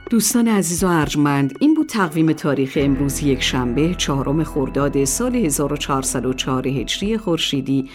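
A woman presenting a daily history calendar, reading a formal script in a measured way. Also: low-pitched, expressive, over music. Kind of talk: scripted narration.

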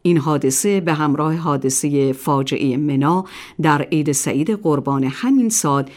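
Woman narrator, very low voice, formal measured reading, history calendar script. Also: a little mellow.

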